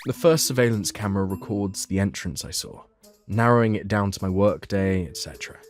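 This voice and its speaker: A man with a low, expressive voice reads scripted first-person narration at a brisk pace for a manga dub, voicing both the narrator and the lead character. Music plays behind his voice.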